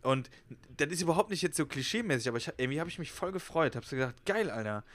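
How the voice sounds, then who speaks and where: Young man, podcast co-host, rapid slangy storyteller. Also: on the high side, expressive, a bit bright. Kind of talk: casual podcast chat.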